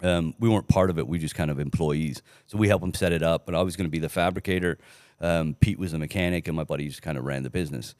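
A man's voice: sits low, fast talker, darkish tone, no room sound, studio quality. A middle-aged man telling rambling, profane stories on a casual podcast, laughing often. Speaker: podcast host. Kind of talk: casual storytelling chat.

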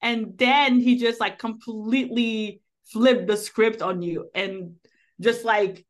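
A woman with a fairly high voice talks slowly and in a steady tone while co-hosting a podcast. It's a casual film review chat, and she rambles with plenty of restarts and fillers like "like" and "you know."

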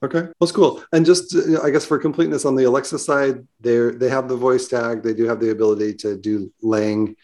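A man's voice: mid-range voice, fairly even intonation, brisk, hardly any pauses, a little mellow. A man co-hosting a casual tech podcast, checking his understanding by restating ideas in his own words. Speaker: co-host.

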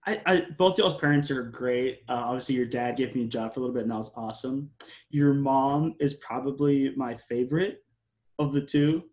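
A man's voice: medium pitch, fairly quick, darkish tone. A young man hosting a casual podcast, rambling with many fillers and restarts and using slang like "yo" and "y'all". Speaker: podcast host.

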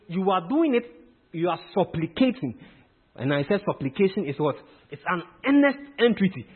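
A man's voice: high-pitched, slightly rough. A man preaching a teaching sermon, emphatic and quizzing his listeners with questions. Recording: tinny phone-like sound.

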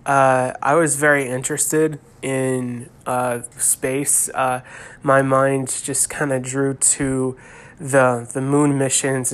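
A young man in his twenties, a student hosting a casual solo podcast, sounding stuffy from a sinus infection and talking haltingly with many fillers. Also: medium pitch. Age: 20s.

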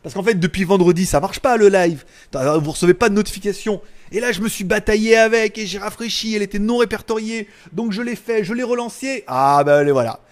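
Brief: male live-stream host, high pitch, rambling, excitable, casual chat. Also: brisk, hardly any pauses. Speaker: live tech show host.

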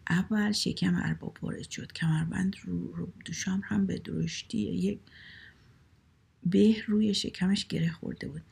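Woman narrator, storybook reading, wry and conversational, very gravelly, breathy. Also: on the low side, warm tone.

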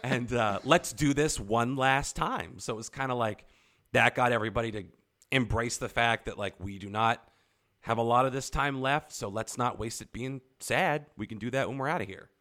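Young male co-host, casual chat, animated storyteller, mid-pitched, curses freely. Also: moderate pace. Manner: animated storytelling, frequent swearing. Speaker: podcast co-host.

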